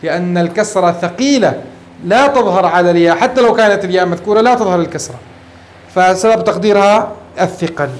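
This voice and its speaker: A man's voice: high-pitched, fast talker. A man with a Levantine Arabic accent teaching a grammar lesson, explaining patiently and asking the class questions as he goes.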